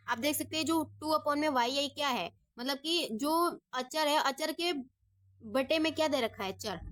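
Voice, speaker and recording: A woman maths teacher working through problems step by step, patiently asking questions and answering them herself. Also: sits high. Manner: patient, asks and answers her own questions, says ठीक है often. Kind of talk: step-by-step lesson.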